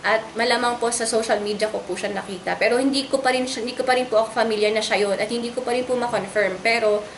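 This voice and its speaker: A young woman with a high voice gives an emotional first-person testimony. She stays earnest and polite and acts out her own frightened shouts as she goes. The room is echoey, with a faint hiss of noise behind her. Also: steady tone, quick pace. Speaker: interviewee recounting a raid on her home. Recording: roomy echo with faint background noise.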